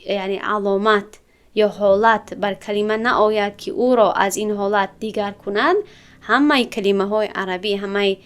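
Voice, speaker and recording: A woman's voice: mid-range voice, smooth. A woman teaching Arabic grammar in a classroom, explaining step by step and asking her students questions. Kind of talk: classroom lesson.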